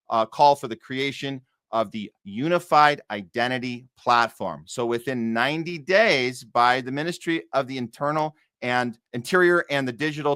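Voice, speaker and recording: A man hosting a news countdown show, reading stories haltingly and dropping in sardonic commentary. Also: medium pitch, sharp tone, clear, resonant tone, no room sound, studio quality. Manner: sardonic asides.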